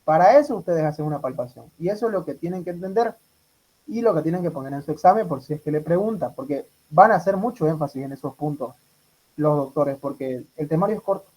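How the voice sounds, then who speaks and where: A man's voice: fairly high pitch, animated, quick pace, a little mellow, low-quality recording. A man runs an exam review for medical students. He fires questions at the class and repeats each answer back to them. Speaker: medical tutor.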